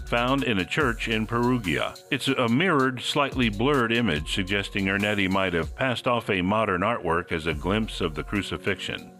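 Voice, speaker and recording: A man with a fairly low, pushed and bright voice hosts a podcast, reading scripted mystery narration in a suspenseful, theatrical manner.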